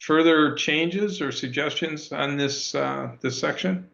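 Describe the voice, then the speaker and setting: A man chairs a town budget meeting, heard over a muffled, lo-fi conference call that keeps breaking up. His voice is gravelly with vocal fry, and he speaks hesitantly, pausing on many fillers. The sound is dull and narrow, like a speakerphone. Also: on the high side, fairly bright tone. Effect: conference call line, breaking up. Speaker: board chair.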